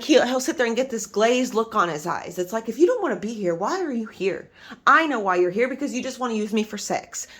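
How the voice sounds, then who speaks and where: A woman's voice: fairly high pitch, a bit bright. Exasperated woman venting to camera. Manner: emphatic, exasperated, swears freely. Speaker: vlogger. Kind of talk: casual venting monologue to camera.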